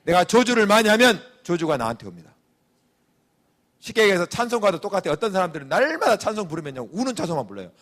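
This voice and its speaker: Male pastor, sermon delivery, animated, high-ish voice that swings widely. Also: fast talker. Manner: animated preaching, acting out quoted voices.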